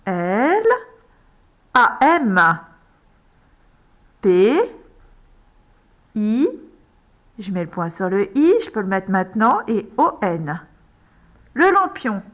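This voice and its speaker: Slow, sing-song teacher spelling letters. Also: female voice, medium pitch, big pitch swings, a bit bright. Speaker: primary school teacher. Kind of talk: handwriting lesson for young children.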